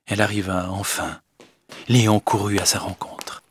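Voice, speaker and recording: A man with a low voice reads a classic novel aloud in measured, expressive phrases, sinking quiet on each speech tag. The sound is dry and close, with no room around it. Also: breathy edge, no room sound. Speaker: narrator. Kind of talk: audiobook reading of a classic novel.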